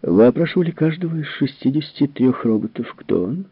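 A man's voice: on the high side, lively intonation, a little fast, breathy edge, dry recording, voice pushed up. A man voicing a cold, clipped woman scientist. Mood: probing. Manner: clipped, questioning. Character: cold, decisive woman robot psychologist. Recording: tinny narrow-band recording.

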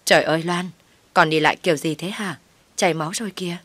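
A woman's voice: quick pace, a bit bright, dry recording. A woman voicing a scolding older mother-in-law who nags and shrieks in a raised voice. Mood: fretting. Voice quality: shrill, nagging.

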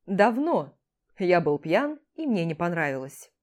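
A woman's voice: on the low side, sing-song, measured pace, a little mellow. Woman reading a cocky, teasing young man. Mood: earnest. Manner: playful, provocative banter. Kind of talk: audiobook character reading.

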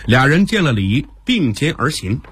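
A man narrating a historical radio story in an expressive storytelling style. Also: mid-range voice, moderate pace, husky.

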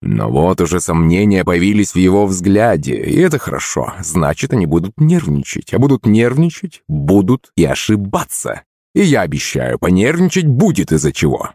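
A man narrating a first-person story in a lively, acted way. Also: deep voice, moderate pace, dry recording, clean studio sound. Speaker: audiobook narrator.

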